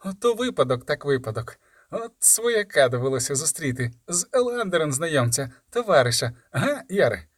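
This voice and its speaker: A loud young man bursts in with forced, overly friendly cheer, voiced by a male reader. He talks high and pushy, like a pal who won't be ignored. The sound is close and dry. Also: sing-song, moderate pace, no room sound. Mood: jovial.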